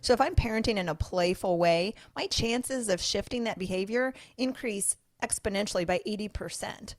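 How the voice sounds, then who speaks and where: A woman co-hosts a conversational podcast on parenting. She explains her points earnestly in a mid-pitched voice. The recording is dry and close. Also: normal speed, no room sound. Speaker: podcast co-host, family services worker. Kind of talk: conversational discussion.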